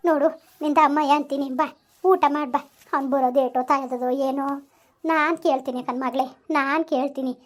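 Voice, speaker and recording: A woman's voice: sits high, fairly even intonation, brisk, close to an everyday voice. A woman playing a village mother-in-law, coaxing and scolding in a family drama. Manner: coaxing, repetitive, forceful when threatening her son. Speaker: mother-in-law in a family skit, also addresses viewers.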